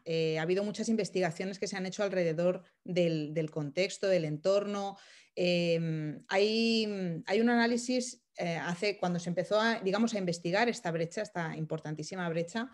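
A woman's voice: fairly low pitch, moderate pace. A woman in her thirties on a video call, explaining things informally and thoughtfully, with many hesitations and restarts. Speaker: speaker at an online workshop. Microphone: video call, laptop camera close up.

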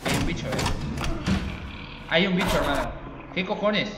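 A young man commenting on his game, excitable and jokey, swearing and taunting the monsters. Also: on the high side, normal speed, reverberant, over loud music. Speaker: gaming channel host. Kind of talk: let's play commentary.

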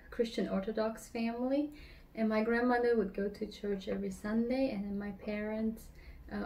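A woman in her thirties from Romania, telling her personal faith story in an earnest, slightly halting way, seated at a table at home. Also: mid-range voice, creaky, darkish tone, slight background noise, low-quality recording. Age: 30s. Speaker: church member giving testimony. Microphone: camera across the table.

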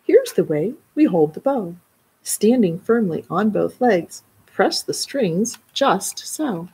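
A woman voicing a patient female violin teacher in a children's picture book, speaking slowly and carefully as she instructs. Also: mid-range voice, big pitch swings, darkish tone, breathy edge, exaggerated voice. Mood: encouraging.

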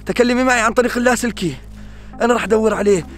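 A man with a Levantine Arabic accent narrates a staged adventure vlog in a very fast, high-pitched, a bit bright voice, with faint music behind him. He's frantic, calling out urgently and praying under his breath.

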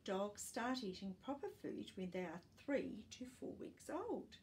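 Sing-song and a little slow, her mid-range voice sounds slightly mellow over a faint hiss or hum. The woman, in her sixties, hosts storytime by reading a children's fact book carefully and simply. The setting is a small living room indoors, with a camera placed a short distance away.

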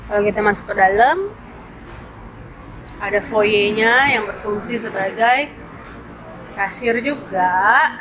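Speaking slowly with frequent pauses, this Indonesian woman in her thirties has a mid-range voice set against background noise and music. She's a food vlogger casually narrating a visit to an indoor cafe and grocery shop, dropping in English phrases.

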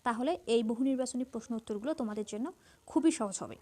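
A woman's voice: a little high, very fast, dark tone. A woman teacher with a Bangladeshi Bengali accent, steadily reading out numbered quiz questions and explaining each answer. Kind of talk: exam-prep lesson, reading quiz answers.

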